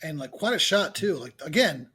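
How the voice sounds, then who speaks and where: A man's voice: on the high side, very animated, moderate pace, bright, forceful tone, slightly rough. A man co-hosting a podcast, ranting emphatically about a film with some profanity. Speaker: podcast co-host. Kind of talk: casual film-review chat.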